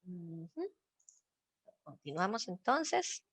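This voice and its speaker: Patient woman teacher, gravelly voice. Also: lowish voice, big pitch swings, extremely slow, no room sound. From Costa Rica. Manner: patient, explains step by step with slides. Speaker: librarian teaching citation style. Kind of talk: online workshop lesson.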